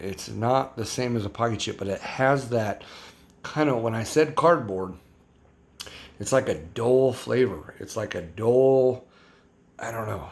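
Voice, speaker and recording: A man talking through a hot sauce review in a loose, rambling way. He drops slang, circles back on his own points and keeps piling up words. His voice sits at an ordinary middle pitch. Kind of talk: casual product review vlog.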